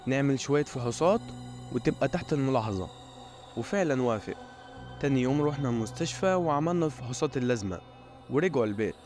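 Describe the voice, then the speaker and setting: A man with an Egyptian Arabic accent, narrating a scripted first-person horror story in a steady storytelling voice. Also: medium pitch.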